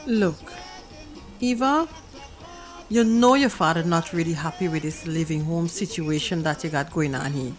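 A woman's voice: low voice, moderate pace, soft background music, lightly acted. An actress playing a conciliatory middle-aged stepmother in a domestic drama, keeping the peace in the family. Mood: matter-of-fact.

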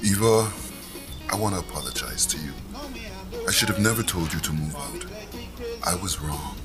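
Man playing a stern, animated middle-aged father. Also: on the low side, moderate pace, music in the background. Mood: apologetic, earnest. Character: stern, protective father of a grown daughter. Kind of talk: domestic drama acting.

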